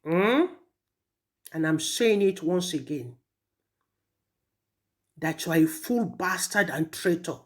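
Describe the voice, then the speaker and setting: Using a lowish voice, a Nigerian-accented woman delivers an animated, confrontational monologue in two languages at a slow pace with long pauses. She heavily stresses her words as she berates and mocks an absent person.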